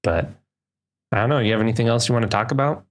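A young man co-hosting a podcast chats casually and loosely, rambling and correcting himself as he keeps restarting sentences. His voice is medium-pitched and he speaks fast.

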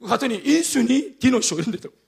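A male pastor with a Gyeongsang accent preaching a sermon, telling animated stories and acting out the quotes. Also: very high voice, fast. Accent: Gyeongsang dialect. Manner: animated storytelling with acted-out quotes.

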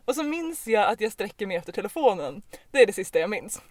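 A woman on a podcast telling a personal anecdote in a casual, lively way, with lots of fillers and restarts. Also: mid-range voice, dry recording, studio quality. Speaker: podcast host. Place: podcast recording.

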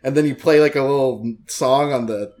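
A man's voice: mid-range voice, moderate pace, a little mellow. A man co-hosting an anime podcast in a laid-back, rambling, playful casual chat. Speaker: podcast co-host.

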